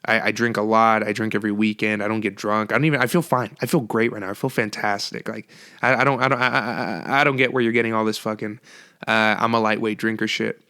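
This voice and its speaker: A man's voice: on the low side, fairly even intonation, fast talker, sharp tone, clean tone. Profane rambling young man. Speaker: podcast host. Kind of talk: casual solo rant.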